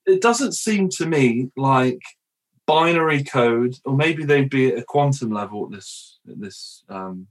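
A man's voice: mid-range voice, animated, a little slow. A man hosting a podcast in casual conversation, chatty and jokey, wandering into rambling asides and laughing often. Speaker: podcast host.

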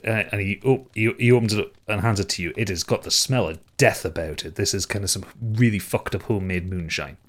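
Low-voiced man narrating as game master. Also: a little fast, hardly any pauses. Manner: loose, filler-heavy narration with restarts.

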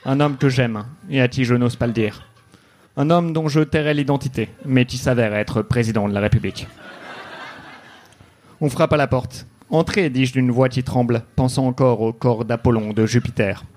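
A man telling a deadpan, mock-noir detective story live on a comedy club stage. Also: medium pitch, normal speed. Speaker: comedy podcast host.

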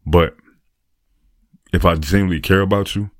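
A man's voice: deep voice, fairly even intonation, normal speed, dry recording, studio quality. A man talking through a reflective, earnest podcast monologue, repeating phrases for emphasis. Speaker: podcaster and aspiring motivational speaker.

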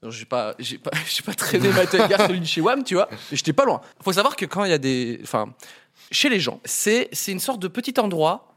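Young male co-host, halting casual storytelling, slightly high voice. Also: very animated, a bit bright. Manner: hesitant, teasing, laughs. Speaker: co-host of a live stream. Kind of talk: casual chat, telling anecdotes.

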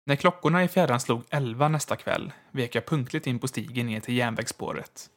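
Male audiobook narrator, measured. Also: medium pitch, fairly bright tone. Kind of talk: scripted first-person narration.

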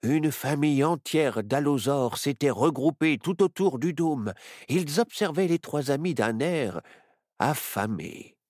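Playful expressive male storyteller. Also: a little high, a little slow, no echo, clean studio sound. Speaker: narrator. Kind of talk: children's story narration.

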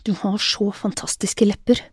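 A woman voicing a confident, teasing adult male lover in an audio story, speaking in a low, soft murmur. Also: level tone, husky, dry recording, studio quality, close to an everyday voice.

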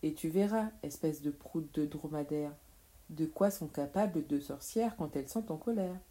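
A woman's voice: low voice, normal speed, mellow, close to an everyday voice. A woman voicing a squabbling storybook witch. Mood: gloating. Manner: cackling, insult-hurling, theatrical. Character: two squabbling old witches, nasty and boastful. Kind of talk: storybook reading for children.

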